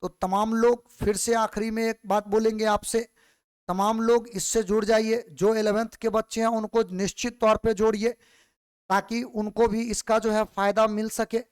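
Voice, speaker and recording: A man's voice: high voice, little pitch movement, normal speed, clean tone. A male physics teacher, lecturing patiently and repeating questions back to his students. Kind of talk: classroom lecture.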